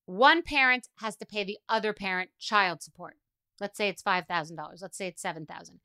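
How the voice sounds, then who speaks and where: A woman giving explanatory commentary as a host, putting deliberate stress on key words. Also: mid-range voice, pushed and bright. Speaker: podcast host, family law commentator.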